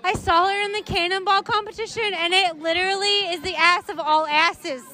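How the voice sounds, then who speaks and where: A woman's voice: very high-pitched, fairly even intonation, moderate pace, bright, forceful tone. A woman host doing casual, chatty interviews at a pool party, gushing exuberantly and swearing freely. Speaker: podcast host interviewing camp guests. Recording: music and crowd chatter behind.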